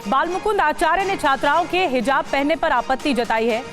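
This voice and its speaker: High-voiced female news presenter. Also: a little fast, music in the background. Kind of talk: scripted news reading.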